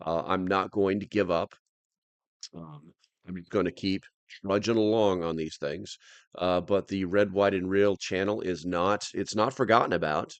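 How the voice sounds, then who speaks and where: A man hosting a casual livestream in a low, calm, unhurried tone, rambling and often restarting his sentences. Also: no room sound. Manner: rambling, halting, trails off and restarts. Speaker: livestream host. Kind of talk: casual chat with a livestream audience.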